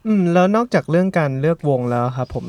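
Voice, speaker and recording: A man hosting a relaxed conversation, asking guests polite and curious questions. He speaks quickly. His voice sits a little higher than most men's. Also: no echo. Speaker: podcast host. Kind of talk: interviewing guests.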